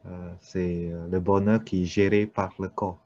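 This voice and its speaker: A man with a foreign accent, a non-native French speaker, giving an unscripted meditation teaching in halting French, searching for words. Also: deep voice, level tone, mellow. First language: not French. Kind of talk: unscripted Buddhist-style dharma talk. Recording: dull, muffled lo-fi sound.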